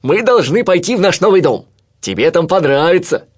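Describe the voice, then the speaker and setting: A man voicing a cheerful young male rat, the narrator's brother, who talks in an eager, excited way. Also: mid-range voice, a little fast, breathy edge.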